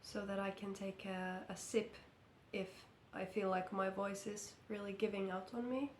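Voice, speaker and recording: Sick and hoarse, a Finnish woman gives a knitting vlog update in English with a Finnish accent, taking it slowly, carefully and hesitantly. Her medium-pitched voice has a flat delivery, in a roomy lamp-lit room with a little hiss or hum.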